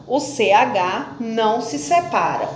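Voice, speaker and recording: Woman, teacher, slow patient phonics explainer, slightly high voice, echoey room. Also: expressive. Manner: slow, stretches out syllables when splitting words; patient and explanatory, asks questions and answers them herself. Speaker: primary school teacher. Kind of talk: classroom phonics lesson. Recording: echoey room with faint background noise.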